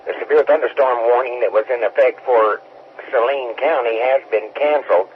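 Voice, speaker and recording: A man acting as net control on an amateur radio weather net, reading warnings in an orderly but relaxed way with fillers. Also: mid-range voice, normal speed. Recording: tinny radio with faint static.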